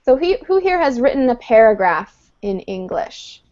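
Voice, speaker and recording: A woman's voice: a little high, sing-song, moderate pace, a little mellow. A woman teaching an English class online, explaining patiently step by step with frequent "um"s. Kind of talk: live online lesson. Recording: dull lo-fi online call audio.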